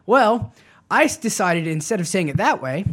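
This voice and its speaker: High-voiced man telling jokey stories. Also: breathy edge. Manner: animated storyteller, quick jokes, laughs a lot. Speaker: podcast guest. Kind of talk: casual panel chat.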